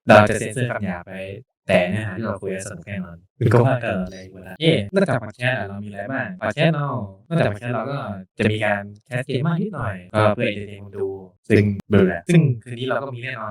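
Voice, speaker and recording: Male podcast host, lower register, casual, joking chat. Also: fast, hardly any pauses.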